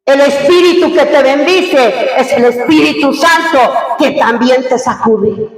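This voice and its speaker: A woman's voice: high voice, measured pace. A middle-aged woman pastor gives an emotional church testimony, asking her congregation rhetorical questions. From Mexico. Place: large church hall. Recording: echoey hall heard from far off.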